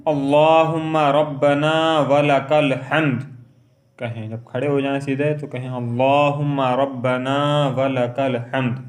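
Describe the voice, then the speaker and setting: A man teaching how to pray, explaining each step and repeating it, then reciting Arabic verses in a slow chant. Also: medium pitch. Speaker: religious teacher. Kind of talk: instructional lesson on prayer.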